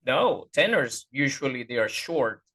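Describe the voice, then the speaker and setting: A man's voice: mid-range voice, big pitch swings, measured pace, a bit bright. Hesitant man explaining singing. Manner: hesitant, searching for words, many fillers. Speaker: guest voice teacher. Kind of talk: casual interview chat.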